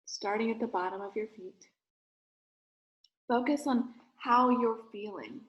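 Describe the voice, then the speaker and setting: In the role of a rabbi, a woman leads a guided meditation, offering calm, gentle directions in brief phrases with pauses between. Her voice is on the high side, and the sound is lo-fi.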